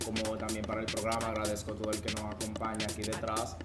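A young man hosting an interview on a studio set, chatty and quick to laugh. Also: fairly low pitch, completely flat delivery, music in the background. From Dominican Republic. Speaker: interviewer, host. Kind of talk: casual interview.

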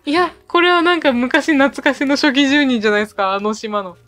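A woman's voice: sits high, brisk, a bit bright, no room sound. A woman chatting casually and teasingly while playing a video game, laughing often. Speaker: game commentator. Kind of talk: casual gameplay chat. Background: game music.

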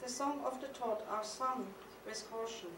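A middle-aged artist with a German accent and a fairly high-pitched voice reads a prepared, partly poetic conference lecture from a podium, measured and reflective with a few hesitations. She's on the stage of a mid-sized studio hall, speaking into a podium mic on a stand. The sound is echoey and noisy, recorded from where the camera sits.

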